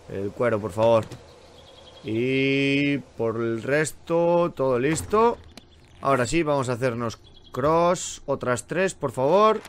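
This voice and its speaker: A man talks through his game in a bright, lively voice that leaps up and down in pitch. He chats and grumbles, swearing freely as he plays. A faint hiss of background noise sits under his voice. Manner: chatty and exasperated, swears often. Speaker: gaming channel host. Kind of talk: let's play commentary.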